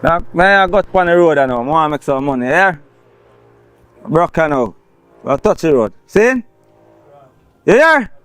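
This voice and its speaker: A man's voice: a little high, lively intonation, normal speed, long pauses, fairly bright tone, clean tone. A young Jamaican man acting in a comedy film, boastful and threatening as he talks about getting money.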